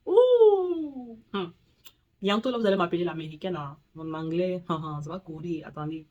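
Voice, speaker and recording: A woman hosting a casual screen-recording tutorial, talking straight to the viewer and reading English screen text haltingly. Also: low-pitched, fairly even intonation, lo-fi sound. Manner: chatty, talks straight to the viewer. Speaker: tutorial host.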